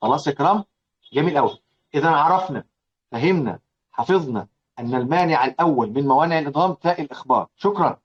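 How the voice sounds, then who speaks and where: A man with an Egyptian accent teaching Quran recitation in a classroom lecture. He asks and answers his own questions, repeats key points and chants quoted verses slowly. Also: fairly high pitch, lively intonation, breathy edge, lo-fi sound. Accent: Egyptian Arabic. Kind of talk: classroom lecture explaining a didactic poem.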